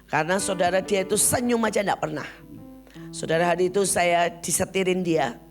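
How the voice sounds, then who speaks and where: Gravelly low-voiced woman preaching. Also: normal speed, soft background music. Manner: addresses listeners as "saudara" again and again; lively storyteller who acts out the people she quotes. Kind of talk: sermon with personal stories.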